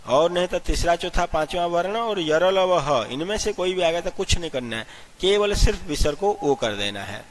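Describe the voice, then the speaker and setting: A man teaching a grammar lesson step by step, asking questions and answering them himself, and spelling out letters slowly one at a time. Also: on the high side. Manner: explains step by step, asks and answers his own questions. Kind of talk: classroom-style grammar lesson.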